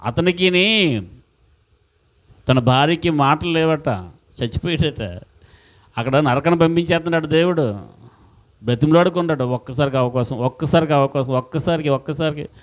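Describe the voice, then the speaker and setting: A man preaching a sermon as pastor, impassioned and repetitive, swinging between loud outbursts and hushed words. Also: on the high side, moderate pace, pauses often.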